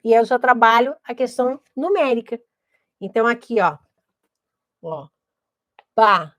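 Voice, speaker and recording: Lady teacher explaining stuff, high voice, dry close mic, keeps going "né?". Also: expressive, moderate pace, no room sound. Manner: didactic, checks in with "tá?" and "né?". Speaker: literacy educator.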